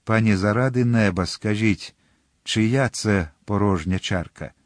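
A man voicing a grave, brooding older nobleman in a storybook reading, speaking low and heavy. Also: measured pace, dry recording, clean studio sound, natural voice. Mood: stern.

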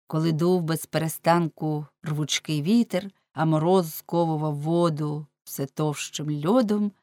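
A woman narrating an audiobook in a measured, steady way. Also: lowish voice, no room sound, studio quality.

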